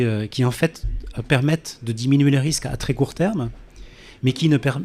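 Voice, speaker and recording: Guy giving a science talk at a café night, lots of euhs and restarts, mid pitch. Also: a little mellow. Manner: hesitant, many fillers and restarts. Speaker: climate scientist speaker. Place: café event room. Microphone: handheld mic, drifting off it.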